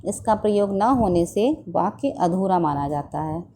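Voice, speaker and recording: A woman teaching a school grammar lesson, explaining slowly and deliberately and restating each term in simpler words. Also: on the low side, lively intonation, warm tone, a little hiss or hum. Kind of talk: recorded Hindi grammar lesson.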